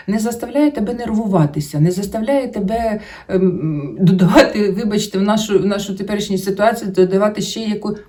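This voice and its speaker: A woman's voice: fairly low pitch, mellow, distant mic. A woman hosting a book channel, chatting casually about her reading, rambling with many fillers and restarts. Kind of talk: casual book-review chat to camera.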